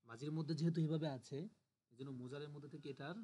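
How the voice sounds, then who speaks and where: A man's voice: fairly high pitch, fairly even intonation, very fast, warm tone, breathy edge. A man teaching a grammar class, patiently explaining and repeating word forms aloud for students to drill. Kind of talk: online class lecture.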